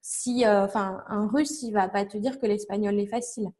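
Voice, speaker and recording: Mellow-voiced woman chatting in an interview. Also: mid-range voice, fairly even intonation, normal speed. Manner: chatty, many fillers and restarts, explains with examples. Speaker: interview guest, language learning blogger. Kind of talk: casual interview chat.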